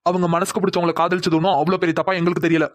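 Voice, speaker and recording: A man voicing the fathers and sons of an animated family drama, speaking in emotional family arguments. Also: sits high, rapid-fire, no room sound, studio quality. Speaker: cartoon voice artist voicing several male family members.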